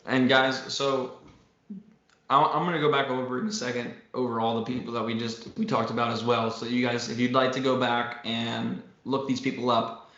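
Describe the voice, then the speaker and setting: A man's voice: mid-range voice, little pitch movement, normal speed, fairly bright tone. Young man, rambling and enthusiastic, roomy echo, slightly muffled. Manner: rambling, enthusiastic, lots of fillers and repeats. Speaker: podcast co-host. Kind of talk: casual motivational chat. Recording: roomy, slightly dull audio.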